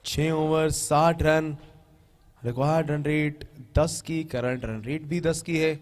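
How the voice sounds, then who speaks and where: A man giving excited live commentary on a cricket match as it unfolds. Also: on the high side, slow pace.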